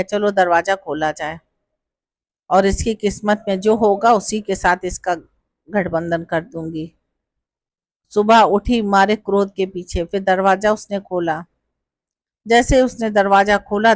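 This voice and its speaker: A woman's voice: mid-range voice, no room sound. A woman narrating a devotional folk tale in a plain, conversational manner. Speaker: storyteller.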